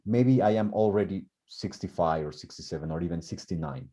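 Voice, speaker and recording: Brisk and dark in tone, this man's low voice belongs to a language teacher explaining grammar during class. He restarts frequently and repeats words while thinking aloud, and the recording is muffled and lo-fi.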